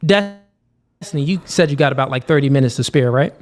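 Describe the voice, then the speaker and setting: A man's voice: mid-range voice, brisk, faint music behind. A man hosting a livestream, talking casually and calling people man. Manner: laid-back, calls people man. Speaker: stream host. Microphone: online call mic.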